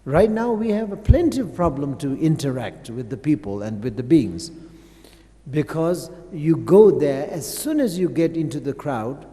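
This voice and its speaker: Man, Buddhist teacher, halting dharma talk, mellow tone, big hall reverb. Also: fairly high pitch, lively intonation. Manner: halting, searching for words, many fillers and restarts.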